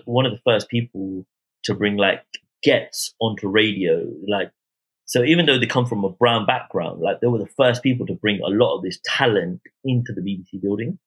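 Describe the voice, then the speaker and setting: A man from Croydon with a south London accent, chatting casually and telling anecdotes in an animated, slangy way. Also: lowish voice, poor audio. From Croydon, south London, England. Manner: animated slangy storytelling with tag questions like innit and yeah.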